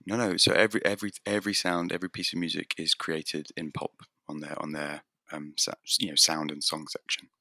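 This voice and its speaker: A man's voice: rumbling low, level tone, a little fast, vocal fry, hardly any pauses, pushed and bright, dry recording, clean studio sound. A man talking as a podcast guest about making his game, rambling and self-deprecating with lots of restarts. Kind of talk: casual conversation.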